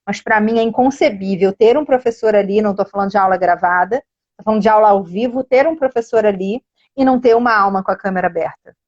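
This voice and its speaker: A woman's voice: medium pitch, quick pace, lo-fi sound. A woman with a Brazilian Portuguese accent speaking earnestly as a child education coach in a casual live stream, addressing viewers directly.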